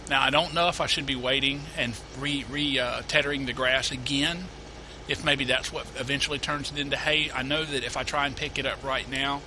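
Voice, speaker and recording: This man's mid-range voice stays steady but brisk as he hosts a farming game tutorial against a noisy background. A cold leaves him sniffling a little, and his casual let's-play chatter wanders, peppered with fillers and self-corrections.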